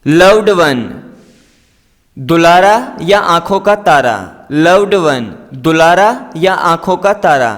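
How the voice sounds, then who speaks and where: Slow, high-voiced man drilling vocabulary. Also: animated, fairly bright tone, big-room sound. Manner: repeats each word and its meaning twice, patient and explanatory. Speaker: English teacher.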